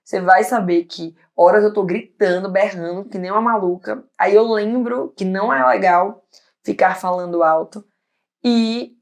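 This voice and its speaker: A woman in her thirties, a pediatrician guest on an interview show, talking loudly and animatedly in casual chat. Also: medium pitch. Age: 30s. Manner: loud, animated, talks fast and laughs easily.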